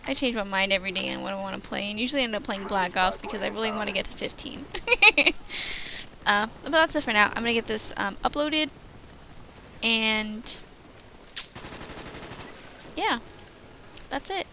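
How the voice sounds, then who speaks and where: A woman's voice: medium pitch, animated, normal speed, creaky, long pauses, pushed and bright. A young woman giving casual gameplay commentary, rambling with lots of fillers and stumbling over her words, tired from lack of sleep. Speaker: gaming commentator. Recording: noisy home recording.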